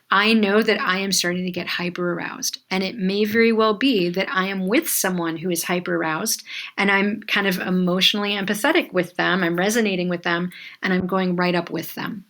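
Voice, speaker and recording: A woman's voice: fairly low pitch, a bit bright. Woman, clinical supervisor, training lecture, conversational, fillers and asides.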